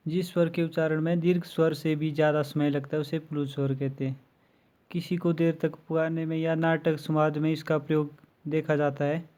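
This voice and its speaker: A man teaches an exam-prep grammar lesson, working methodically through lists of letters with examples. His voice sits a little high for a man but sounds mellow and dark in tone. He speaks in a flat, even delivery. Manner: slow, methodical listing with examples.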